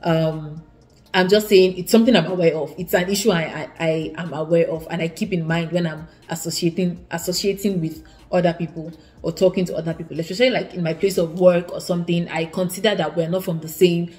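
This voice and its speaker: A lowish, slightly mellow female voice moves a little fast with fairly even intonation. She's a young Igbo-accented woman from Nigeria, a student vlogger earnestly giving casual advice to camera in her living room, with lots of restarts and repetition.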